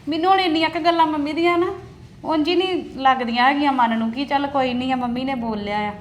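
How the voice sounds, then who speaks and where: A woman's voice: high-pitched, fast talker, slight background noise, lightly acted. A woman playing a caring elder sister-in-law in a family drama, reassuring and gossipy. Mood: calm. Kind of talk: Punjabi family drama acting.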